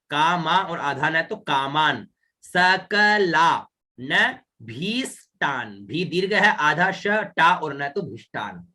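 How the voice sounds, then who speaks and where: A man teaching Sanskrit verse recitation online, spelling out each syllable slowly and checking "है ना?" after each point. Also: a little high, pushed and bright. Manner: slow, syllable-by-syllable pronunciation drills, checks with "है ना?".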